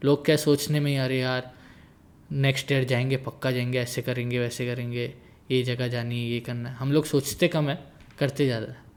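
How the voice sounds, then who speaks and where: In a casual conversation, a guest in his late twenties jokes around in an easygoing way, slipping English phrases into his Hindi. His mid-range voice keeps a level tone at a moderate pace.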